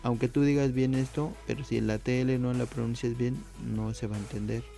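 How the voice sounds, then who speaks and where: Gravelly-voiced man teaching a language lesson. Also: medium pitch, fairly even intonation, dark tone, soft background music. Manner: patient, repeats words slowly to model pronunciation; addresses viewers often as friends. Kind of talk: casual video lesson.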